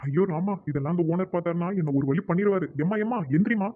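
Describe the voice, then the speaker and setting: A man's voice: sits high, fast, narrow, tinny audio. Man doing a weary, grumbling cartoon caretaker. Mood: exasperated. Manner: exasperated, sighing complaints.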